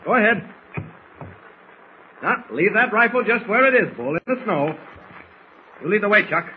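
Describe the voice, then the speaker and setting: An actor playing a firm, commanding government agent hero, in 1940s radio acting style. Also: male voice, sits high, lively intonation, normal speed. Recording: dull noisy old radio recording.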